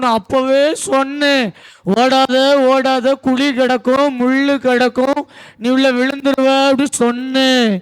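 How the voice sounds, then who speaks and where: A man's voice: extremely high pitch, smooth, exaggerated voice. A man voicing an anxious farmer in a puppet show, calling out warnings and lamenting his lost goat. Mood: worried. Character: fretful farmer, goat's owner.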